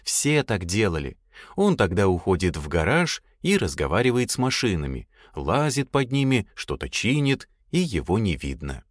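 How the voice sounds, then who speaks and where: Man voicing even-tempered explainer, matter-of-fact, dry read. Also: on the low side, moderate pace, dry recording. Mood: calm.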